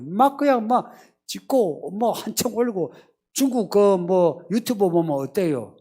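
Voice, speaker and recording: Lively conversational male pastor preaching. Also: sits high. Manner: conversational preaching, acting out little quoted prayers and pleas. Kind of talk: sermon.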